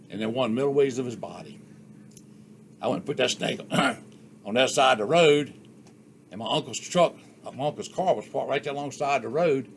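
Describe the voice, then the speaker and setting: A man's voice: medium pitch, a bit bright, slight background noise. Older man telling folksy stories. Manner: folksy, unhurried yarn-spinning with rural Southern US speech. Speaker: storyteller. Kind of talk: casual storytelling.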